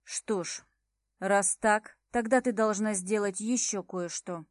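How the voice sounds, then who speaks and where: A woman reading the lines of a cold, manipulative adult man who speaks smoothly and evenly with hidden menace, in a slow, unhurried audiobook delivery. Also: medium pitch, no room sound, close to an everyday voice.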